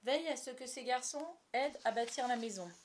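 A woman's voice: mid-range voice, lively intonation, brisk, slight background noise, lightly acted. A woman reading a storybook aloud, voicing a proud, commanding young boy leader who barks orders.

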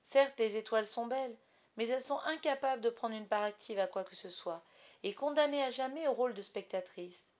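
Woman reading a storybook, measured. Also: fairly high pitch. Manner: measured, expressive. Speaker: narrator.

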